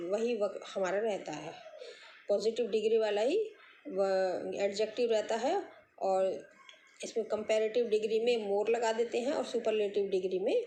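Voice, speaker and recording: A woman's voice: fairly high pitch, warm tone. A woman teacher giving a grammar lesson to young pupils, spelling words out letter by letter and saying the terms. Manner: slow, spells words letter by letter, repeats "ठीक है". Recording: echoey room with faint background noise.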